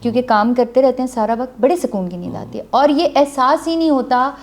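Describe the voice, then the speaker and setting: This woman from Kashmir speaks in a notably high voice. As a talk show guest, she spins chatty, anecdotal stories in a casual, conversational flow. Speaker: guest, former drama maker.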